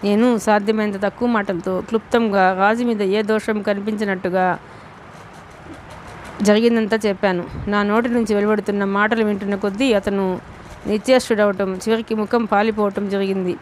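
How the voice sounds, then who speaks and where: A woman narrating a novel in the first person as an audiobook, with a steady, emotive reading. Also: medium pitch, moderate pace, slight background noise.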